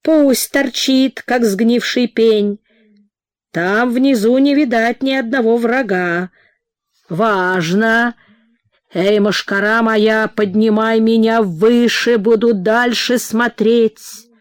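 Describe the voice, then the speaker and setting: A woman's voice: on the high side, no room sound, studio quality. A woman reading a storybook, voicing a frenzied male shaman who chants and wails in a trance. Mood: visionary. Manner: chanting, wailing cries, drawn-out calls. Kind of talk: audiobook reading.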